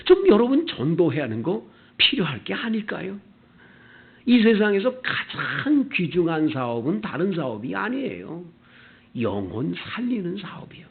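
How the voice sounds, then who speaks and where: A man preaching a Sunday sermon as pastor, animated and acting out the people in his stories. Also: high-pitched, normal speed. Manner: animated preaching, acting out quoted customers in character. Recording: tinny, phone-like church video audio.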